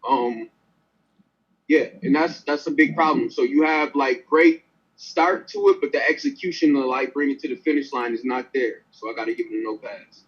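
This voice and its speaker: A man judging a music showcase, giving plain, measured critique on a video call. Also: mid-range voice, breathy edge. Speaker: judge, record label executive. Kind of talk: judge's feedback. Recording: muffled call audio.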